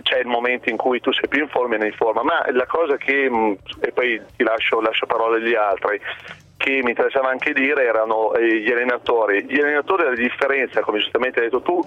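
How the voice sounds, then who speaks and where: A man calling in over the phone to a football radio show, talking hesitantly with pauses and restarts. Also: medium pitch. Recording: dull, lo-fi phone line.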